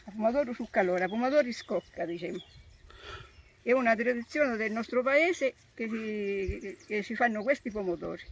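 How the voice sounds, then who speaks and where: An older woman from Sicily with a Sicilian accent, explaining farm work informally in plain, homespun, repetitive phrases. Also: medium pitch. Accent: Sicilian Italian. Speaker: traditional tomato grower. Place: outdoors on a countryside plot.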